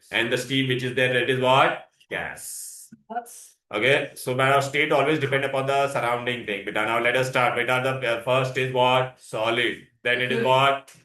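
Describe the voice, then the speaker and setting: A man's voice: mid-range voice, pushed and bright. A man with an Indian accent teaching an interactive science lesson, mixing Hindi words into English and often asking questions to prompt answers. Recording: echoey, roomy sound.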